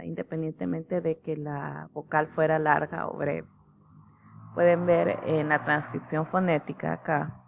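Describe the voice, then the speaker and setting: A woman teacher, explaining slides in a measured lecture, checking in with her students as she goes. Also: sits low, creaky, no echo, muffled recording.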